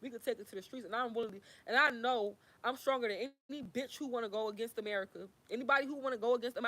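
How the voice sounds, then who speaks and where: Young woman going off on a heated preachy rant, cussing a lot, kinda high voice. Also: a bit bright. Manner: fiery, swearing, repetitive, preachy. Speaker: vlogger. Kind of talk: heated ranting monologue.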